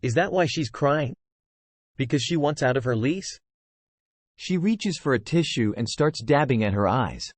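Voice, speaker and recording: A man narrates a novel in the first person, mid-pitched and expressive. His pitch swings widely as he reads. The recording is close and very dry. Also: measured pace, no echo. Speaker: audiobook narrator.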